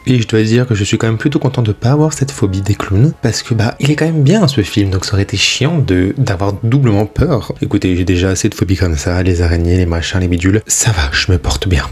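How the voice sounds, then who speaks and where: A man with a fairly low, husky voice talks through a casual vlog voice-over. He chats easily, pokes fun at himself and addresses the viewer directly, like a regular host of his own channel. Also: brisk, hardly any pauses, darkish tone. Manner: chatty, self-mocking, speaks to the viewer directly.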